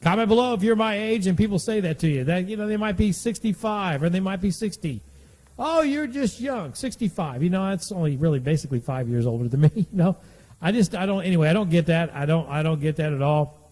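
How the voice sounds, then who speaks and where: A man in his late fifties talks through his podcast in a loose, folksy ramble, circling back and repeating phrases. His voice sits a little high for a man. The sound rings with a long reverb. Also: lively intonation, brisk, darkish tone. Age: 50s. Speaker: podcast host. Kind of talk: casual monologue podcast.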